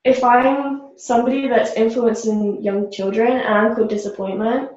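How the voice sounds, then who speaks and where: A woman's voice: on the high side, steady tone, normal speed, a little mellow. A young woman from Britain, answering interview questions in an earnest, upbeat way with many "like" fillers. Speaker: guest, social media creator. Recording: roomy, dull lo-fi sound.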